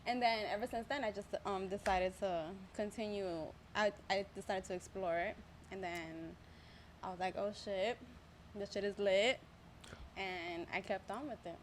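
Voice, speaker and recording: Woman, podcast guest, casual chat, quick filler-heavy talk, faint ambience. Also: mid-range voice, steady tone, a little hiss or hum. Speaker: podcast guest, pole dancer.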